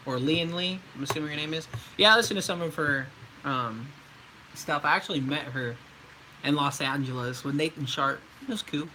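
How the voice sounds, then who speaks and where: A voice actor runs a loose livestream Q&A, his man's voice pitched somewhat high with a very bright, sharp edge. He rambles through viewer questions, tossing in ums and likes at a moderate pace. The recording is rough, with slight background noise.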